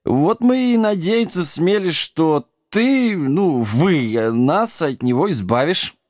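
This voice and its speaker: A man's voice: on the high side, expressive, slow, darkish tone, no echo, studio quality, pitched above the performer's own voice. A man voicing a small, timid, drunk bearded male gnome who stammers and slurs. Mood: frightened. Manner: stammering, slurred.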